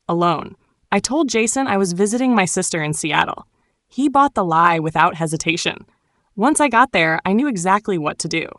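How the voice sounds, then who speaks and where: Female storytime narrator, slightly low pitch, cool and sharp-tongued, dramatic first-person delivery. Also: no echo, clean studio sound.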